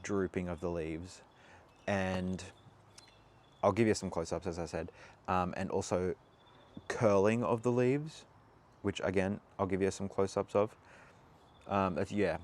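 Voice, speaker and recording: Male channel host with a low voice, easygoing and rambling, explaining how to do something to camera. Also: a little mellow. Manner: loose and chatty, many fillers and asides. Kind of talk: casual how-to talk to camera.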